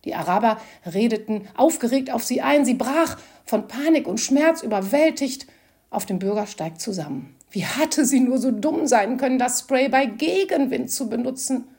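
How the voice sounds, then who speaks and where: A woman narrating a story aloud in an expressive, scripted reading. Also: fairly high pitch, normal speed, husky.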